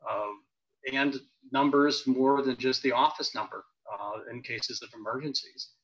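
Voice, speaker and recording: A man's voice: mid-range voice, measured pace, fairly bright tone. A man from the insurance side speaking on a panel call, loose and hedging with fillers. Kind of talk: panel discussion. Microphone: video call. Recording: dull video call audio.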